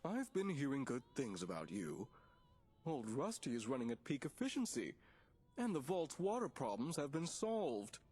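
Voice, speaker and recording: A condescending male vault official in a video game. He speaks formally in a husky mid-pitched voice with lively inflection. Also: moderate pace. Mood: condescending approval.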